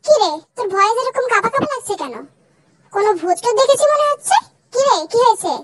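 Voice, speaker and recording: A woman's voice: very high voice, animated, quick pace, heavy background noise. A young woman voicing a bossy college girl who teases and scolds her friend, in a fan dub drama. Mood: breezy. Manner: teasing, scolding.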